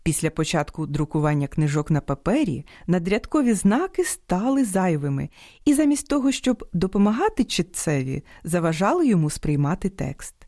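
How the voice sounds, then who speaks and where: A woman hosting an educational radio program, reading a script in a measured, precise way. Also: on the low side, very animated, mellow, no echo, studio quality. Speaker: radio host. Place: radio studio.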